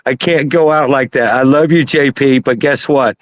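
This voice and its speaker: A man in his fifties, a guest on a panel chat, speaking earnestly and haltingly with many fillers. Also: medium pitch, no echo, muffled recording. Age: 50s.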